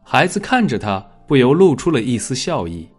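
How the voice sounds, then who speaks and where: Soft background music accompanies a man narrating a scripted, dramatic story for an audiobook. He has a slightly husky voice, paces himself in a measured, expressive way, and lets his pitch rise and fall dramatically.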